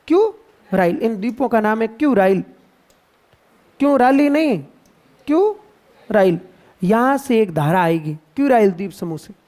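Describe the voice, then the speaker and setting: A man with a Rajasthani Hindi accent teaching geography to a class, playful and quizzing students with drawn-out repetitions. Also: high voice, darkish tone. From India. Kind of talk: classroom lecture.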